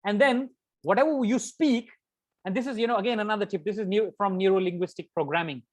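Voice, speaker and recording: This workshop lecturer has a high voice and talks fast during an interactive academic writing session. He's emphatic, repeats important words, and mixes in conversational asides.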